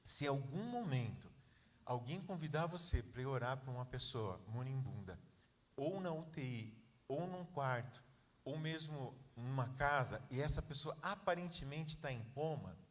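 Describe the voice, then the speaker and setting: A man's voice: medium pitch, lively intonation, moderate pace, big-room sound. A man preaching a sermon, telling a story in a conversational way with many asides. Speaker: pastor. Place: church.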